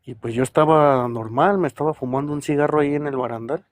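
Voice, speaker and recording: A man's voice: a little high, quick pace. A man, calling in to tell a personal experience, rambling and hesitant as he talks straight to the listener. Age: 30s. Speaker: caller.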